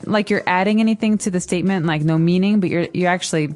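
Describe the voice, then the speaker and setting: A woman's voice: on the low side, darkish tone. Emphatic woman teaching English. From Chicago, United States. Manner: emphatic, explains slowly. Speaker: podcast host, English teacher. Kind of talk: explanatory lesson chat.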